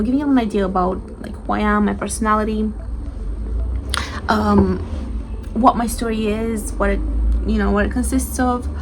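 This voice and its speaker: A young woman from Romania with a Romanian accent that has Scottish and London traces, chatting casually to the camera in a rambling vlog. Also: mid-range voice. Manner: chatty, rambling, restarts often, laughs at herself. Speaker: YouTuber.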